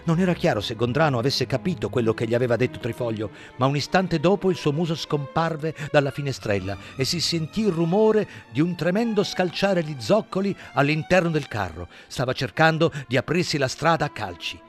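A man narrating an audiobook in a dramatic, measured way. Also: on the high side, lively intonation, faint music behind. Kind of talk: scripted narration.

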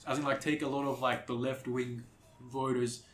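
A young man hosting a podcast, rambling and swearing through casual chat in an excitable way. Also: medium pitch, moderate pace. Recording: echoey room with faint ambient noise.

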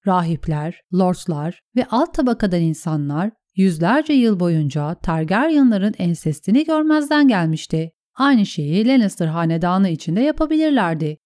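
Brief: woman audiobook narrator, mellow dark tone, dry close sound, steady. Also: lowish voice, moderate pace, hardly any pauses, no echo. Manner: steady storytelling.

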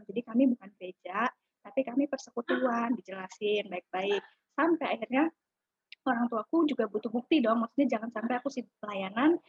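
Young female panelist, rapid and husky, animated storyteller; dry lo-fi mic. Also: a little high, no echo. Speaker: panel guest. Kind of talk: casual chat. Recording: dull lo-fi sound.

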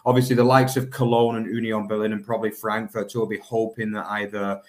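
A man's voice: fairly low pitch, level tone, fairly quick. A man co-hosting a football podcast, talking in a rambling way with many fillers like "obviously" and "you know". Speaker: podcast co-host. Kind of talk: casual football chat.

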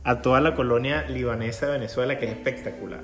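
Hosting a live, casual interview, a medium-voiced man talks quickly with fairly even intonation, gushing over and joking with his guest. The room sounds spacious, and guitar music plays in the background.

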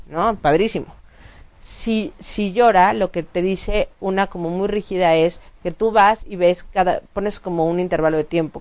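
A woman, co-hosting a casual chat show and explaining points at length with frequent restarts. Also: mid-range voice. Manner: animated, explanatory, many restarts and fillers. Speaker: co-host.

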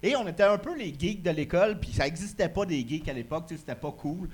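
A man with a Quebec French accent telling a casual story, excitable and swearing now and then. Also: a little high, fast talker, slightly rough.

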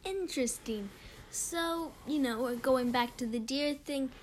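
A prim talk show hostess, played by a woman, who speaks in a high voice. She is fussy and proper and asks her questions crisply. Faint background noise sits under her voice. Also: unhurried, poor audio. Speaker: host. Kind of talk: improvised comedy interview.

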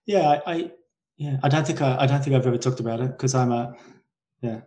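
Brisk and mellow, this mid-range male voice belongs to a Brisbane man in his forties with a Queensland Australian accent. As a podcast guest in a casual interview, he's hesitant, often going back to rephrase, correcting himself, and trailing off.

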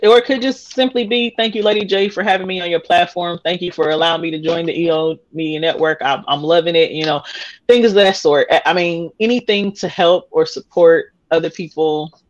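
Her voice on the low side and her delivery brisk, a thirty-something woman laughs frequently while sharing her own story as a guest on a podcast. She speaks openly but meanders, full of fillers and false starts, in a lo-fi recording without echo.

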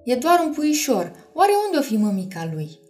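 A woman's voice: on the high side, very animated, darkish tone, faint music behind, voice pushed up. A woman reading a storybook aloud and voicing Ariel, an emotive, caring young mermaid princess. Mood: tender.

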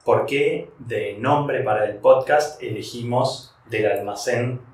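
An Argentine man hosting a casual podcast, relaxed and agreeable as he chats with his guest. He sits well back from the microphone, so his voice sounds distant. The room around him is very echoey. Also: medium pitch, slow. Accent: Rioplatense Argentine Spanish. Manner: easygoing, agreeing often with short replies. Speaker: podcast host.

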